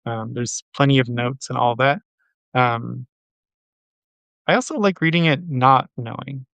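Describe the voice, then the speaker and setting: A man hosting a poetry channel, reading poems slowly and measuredly, then talking them through in a halting, thinking-aloud way full of fillers. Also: mid-range voice, creaky, a bit bright, dry recording, muffled recording. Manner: measured, unhurried poem reading. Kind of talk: poetry reading and casual discussion.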